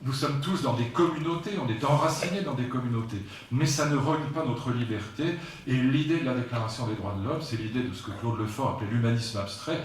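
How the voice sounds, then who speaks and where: The speaker, a French man in his sixties, talks a little fast in a mid-range voice while giving a philosophy lecture to the public. He digresses, speaks with emphasis, and addresses asides to those listening. Faint hiss or hum accompanies the very echoey, distantly miked lecture-hall sound.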